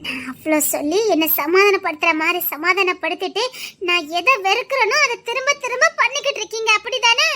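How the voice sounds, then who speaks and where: Woman playing a young pregnant wife in an audio drama, super high shrill voice, tearful, accusing. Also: a little fast, pushed and bright.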